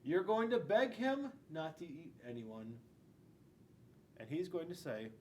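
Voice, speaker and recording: In a school classroom, an American school resource police officer in his forties reads a children's picture book aloud with drama, his voice sing-song and unhurried, and asks the listening kids questions. A camera a few feet away picks him up along with noticeable room noise and a low rumble.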